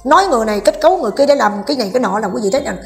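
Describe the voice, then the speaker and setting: A woman's voice: fairly high pitch, expressive, racing, soft background music. A woman vlogger, delivering a heated, combative rant and scolding while speaking directly to her viewers.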